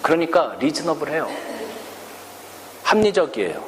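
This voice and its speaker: Animated male preacher in an echoey hall. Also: a little high, moderate pace, a little hiss or hum. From Korea. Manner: animated preaching, rhetorical questions, acts out quotes. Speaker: pastor. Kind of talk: sermon. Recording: echoey church hall, faint ambience.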